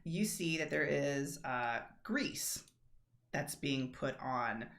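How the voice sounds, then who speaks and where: Lady running a tabletop game, lowish voice, lots of ums. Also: animated, takes it slowly, fairly bright tone. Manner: casual, filler-heavy narration. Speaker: game master. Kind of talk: narrating a tabletop role-play.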